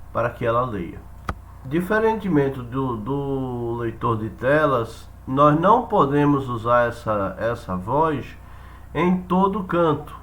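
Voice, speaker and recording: A man with a Brazilian accent explaining software step by step, haltingly, repeating phrases and checking in with listeners. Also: mid-range voice, slight background noise. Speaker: instructor demonstrating software. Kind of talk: spoken tutorial, explaining step by step.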